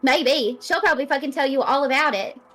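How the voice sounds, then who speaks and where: High-pitched woman stream co-host, excitable and profane, casual chat. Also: a little fast, a loud crowd.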